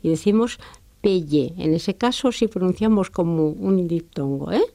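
A woman teaches, patient and didactic, drawing out each example word slowly so it can be copied. Her voice is mellow and soft. The sound is close and dry, as in a quiet studio. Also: lowish voice, vocal fry, no echo. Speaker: French teacher. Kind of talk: explaining French pronunciation and grammar in Spanish.

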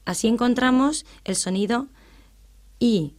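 A woman explaining English grammar in a radio lesson, patient and methodical, reading out English examples slowly. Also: medium pitch.

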